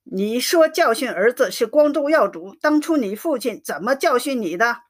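A woman voicing a stern, angry elderly grandmother who scolds in a trembling, sharp voice. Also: fairly high pitch, animated, moderate pace. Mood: scolding.

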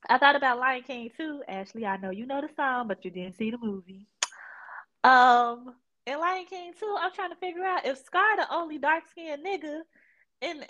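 A woman co-hosting a casual podcast with a voice pitched a little high. She is pregnant and talks bluntly, swearing freely. She spins her stories with dramatic flair. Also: sharp tone, dull audio. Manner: blunt, profane, dramatic storyteller. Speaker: podcast co-host. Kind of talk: casual chat.

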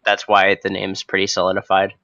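A young man hosting a casual, spontaneous podcast with a hoarse, froggy voice from a cold, talking in a hesitant, unscripted way. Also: deep voice, monotone, brisk, bright, forceful tone, no echo. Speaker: podcast host. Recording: dull, lo-fi close recording.

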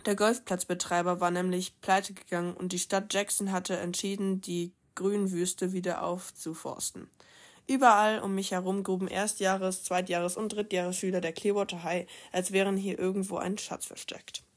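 Woman, casual read-aloud, stumbles and self-corrects, even voice. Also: medium pitch, normal speed. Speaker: reader. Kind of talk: reading a novel aloud.

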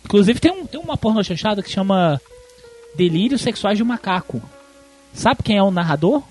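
A man's voice: high voice, very animated, fairly quick, faint music behind. A man with a Brazilian Portuguese accent hosting a podcast, joking and teasing crudely while commenting on an old film. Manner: joking, teasing, laughing often. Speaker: podcast host.

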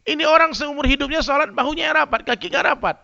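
Male preacher telling stories to his congregation, bright tense tone, gravelly edge. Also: very high voice, fast. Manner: lively storytelling, addresses listeners directly. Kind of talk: humorous sermon with anecdotes. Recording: dull lo-fi sound.

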